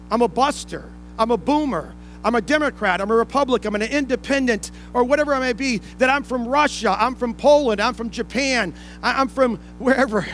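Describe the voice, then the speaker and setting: Speaking to a congregation indoors, a man with a very high, fairly bright voice delivers a sermon point by point, posing rhetorical questions and repeating key phrases to drive them home.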